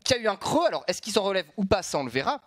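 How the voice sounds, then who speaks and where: A man's voice: sits high, very animated, a bit bright. A man working as an esports caster, giving live match commentary and fluent technical analysis. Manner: esports caster delivery, fluent rapid-fire explaining.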